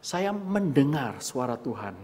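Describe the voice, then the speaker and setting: A man's voice: medium pitch, very animated, measured pace, darkish tone, a little hiss or hum. A middle-aged man preaching a sermon, telling a story about himself and acting out his own outbursts, often calling his listeners "saudaraku". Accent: Indonesian. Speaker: pastor. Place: church hall. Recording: long hall reverb.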